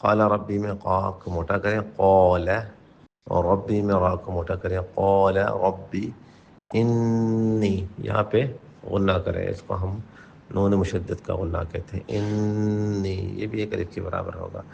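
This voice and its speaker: A man teaching Quran recitation rules, explaining briskly and then chanting verses slowly. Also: sits low, little pitch movement, gravelly, lo-fi sound, slight background noise. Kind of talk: tajweed lesson with chanted recitation.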